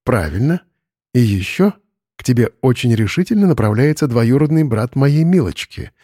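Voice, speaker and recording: A man voicing a brisk, stern but kindly older woman in a storybook. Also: medium pitch, expressive, warm tone, no echo, clean studio sound, lightly acted.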